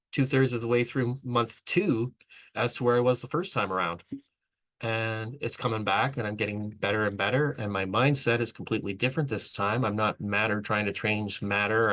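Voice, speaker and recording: A man speaks in a fairly low voice, talking earnestly about mindset and self-improvement. His delivery rambles, with restarts and repeated phrases, in the loose way of a solo motivational vlog. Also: pushed and bright, poor audio. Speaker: vlog host. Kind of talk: motivational monologue.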